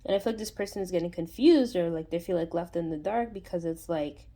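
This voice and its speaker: Lady doing a chill tarot reading, lots of ums and likes, kinda low mellow voice. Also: fast. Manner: rambling, heavy on fillers. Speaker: tarot reader and channel host. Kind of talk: casual spoken tarot reading.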